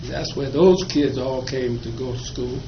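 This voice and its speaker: A gravelly, medium-pitched older man from Virginia tells folksy childhood stories, chuckling, at an unhurried pace with fairly even intonation. He is being interviewed for an oral history and reminisces slowly. Echo, faint noise, and dull lo-fi sound color the recording.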